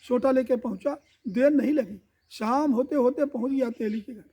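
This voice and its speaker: A man telling a devotional folk tale in a lively oral style, repeating sound words. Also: very high voice, normal speed. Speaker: storyteller.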